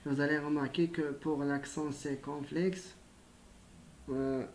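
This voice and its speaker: Male schoolteacher, unhurried and patient, slightly high voice, light hiss behind. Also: level tone. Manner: slow, patient, addresses pupils directly. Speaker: primary school teacher. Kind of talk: recorded spelling lesson.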